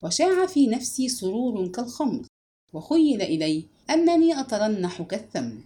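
A woman's voice: medium pitch, big pitch swings, normal speed, dark tone. A woman narrating a novel as an audiobook, reading expressively.

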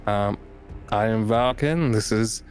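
A man playing his character in a tabletop game, speaking hesitantly with many pauses. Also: lowish voice, faint music behind. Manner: hesitant, halting speech. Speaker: player.

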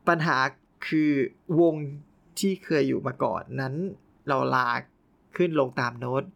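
A young man hosting a casual storytelling podcast, animated and often laughing. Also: medium pitch, unhurried, vocal fry, muffled recording. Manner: animated, laughing, playful exclamations. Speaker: podcast host.

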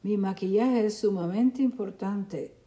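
A woman's voice: mid-range voice, a little slow, warm tone, lightly acted. A woman voicing a fussy, vain teenage girl who complains dramatically, in a storybook reading. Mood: complaining.

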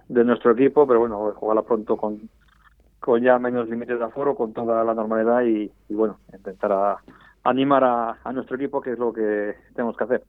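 A man's voice: mid-range voice, no room sound. A man from Spain, president of a supporters' club federation, calling in to a radio interview over a landline phone. He talks hesitantly, often repeating and restarting words. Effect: heard over a landline phone. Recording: tinny, dry phone line.

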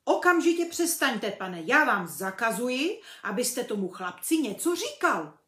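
A woman's voice: sing-song, roomy sound. A woman reading aloud, voicing a panicky, bossy middle-aged uncle who shrieks orders. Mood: shrill. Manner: shrill, shouting orders.

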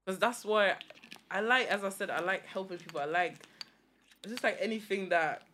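A woman's voice: medium pitch, normal speed, pushed and bright, slight background noise. A young woman with a London British accent talking casually and earnestly as a podcast guest, opinionated and using plenty of slang. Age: young adult.

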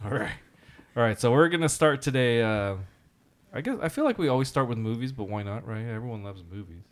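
A man co-hosting a casual podcast chat at a desk, playful and quick to slip into joke voices. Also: mid-range voice, lively intonation, clean tone. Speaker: podcast co-host. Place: indoors at a desk.

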